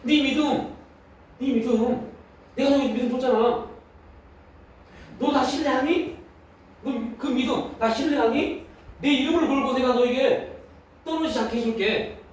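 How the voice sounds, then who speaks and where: Male preacher voicing God: raised pitch, coaxing, echoey distant room. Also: measured pace, long pauses, a little hiss or hum. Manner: coaxing repeated questions. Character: God speaking to a believer, gently pressing. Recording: echoey hall, distant mic.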